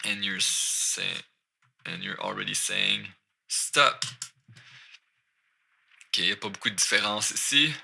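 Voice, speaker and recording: A man's voice: on the low side, vocal fry, sharp tone, breathy edge. A man with a Québécois accent teaching French, explaining lyrics line by line and switching between French and English. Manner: mixes French and English, repeats words slowly.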